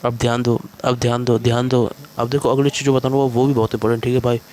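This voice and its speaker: A man's voice: mid-range voice, flat delivery, quick pace, darkish tone, slight background noise. A man teaching chemistry in a casual exam-prep lecture, constantly checking in with "thik hai bhai" and coaxing students along.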